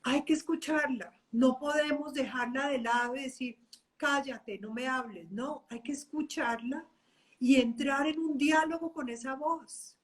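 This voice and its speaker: A woman life coach talking in a lively live chat, often acting out the inner voices she describes. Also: high-pitched, measured pace.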